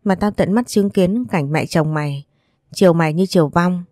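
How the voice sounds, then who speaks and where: A woman's voice: lowish voice, normal speed, mellow, no echo, studio quality, close to an everyday voice. A woman voicing her teasing young friend in a story, in chatty, joking banter.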